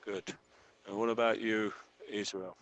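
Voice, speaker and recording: Slow, bright-voiced male language teacher. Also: fairly low pitch, little pitch movement. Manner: slow, patient, repeats example sentences for students. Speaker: English teacher. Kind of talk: live online language class.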